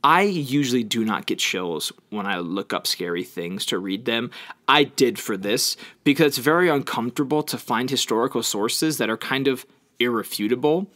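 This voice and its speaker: A man's voice: medium pitch, lively intonation, moderate pace, a bit bright. A young man co-hosting a casual podcast chat, bantering and teasing playfully. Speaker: podcast co-host.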